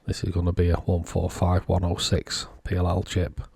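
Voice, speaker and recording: A man giving casual, unhurried technical commentary, thinking aloud as he inspects a circuit board. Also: deep voice, monotone, gravelly, a little mellow, husky, dry recording. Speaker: electronics repair vlogger.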